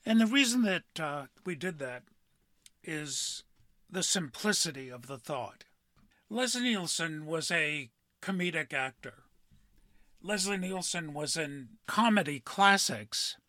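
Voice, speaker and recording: A middle-aged man hosting a podcast, telling a story in a measured way with frequent pauses and "uh" fillers. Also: on the high side, expressive, sharp tone, no room sound. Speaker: podcast host. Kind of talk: storytelling monologue.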